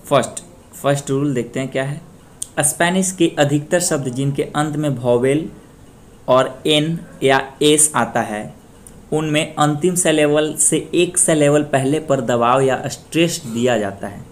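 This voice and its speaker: A young man from Bihar, India, teaching a Spanish pronunciation lesson, explaining rules plainly and repeating example words loudly with stressed syllables. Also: a little high, measured pace. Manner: plain explanatory tone, mixes English terms into speech. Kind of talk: slow screen-share language lesson.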